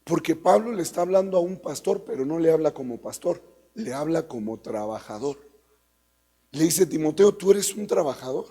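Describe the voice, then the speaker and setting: A man's voice: on the high side, normal speed, warm tone, husky. A man with a Mexican accent preaching a teaching sermon as pastor, emphatic and conversational, repeating key phrases and asking the congregation rhetorical questions. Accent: Mexican Spanish. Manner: conversational, addresses listeners as brother.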